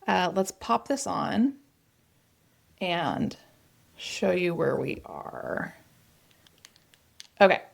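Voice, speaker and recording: A woman's voice: lowish voice, animated, very slow, vocal fry, long pauses. A woman with an Oklahoma accent, chatting casually and enthusiastically as the host of a knitting vlog.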